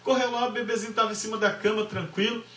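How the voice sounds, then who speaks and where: Pastor, high voice, kinda far from the mic, repeats stuff for emphasis. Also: male voice, steady tone, quick pace, fairly bright tone. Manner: emphatic storyteller, repeats phrases, acts out dialogue. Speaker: pastor and lecturer. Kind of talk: preaching lecture with storytelling. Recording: echoey room, voice from far off.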